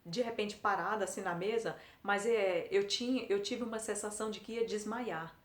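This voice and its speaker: A middle-aged woman giving a personal testimony, halting and hesitant, with many restarts. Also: medium pitch, fairly even intonation. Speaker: testimony speaker. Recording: roomy echo.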